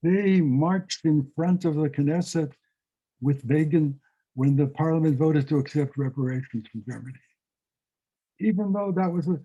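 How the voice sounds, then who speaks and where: Mellow-voiced rabbi teaching on a video call. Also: male voice, fairly high pitch, moderate pace, husky, lo-fi sound. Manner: reflective, repeats his questions. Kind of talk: conversational teaching.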